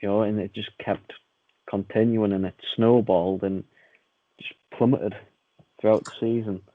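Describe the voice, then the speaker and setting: A low-voiced man rambles through a casual football chat, full of fillers and jokes. His mic sounds dull and lo-fi, dry with no room echo. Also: steady tone, normal speed. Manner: rambling, filler-heavy, jokey. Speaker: podcast guest.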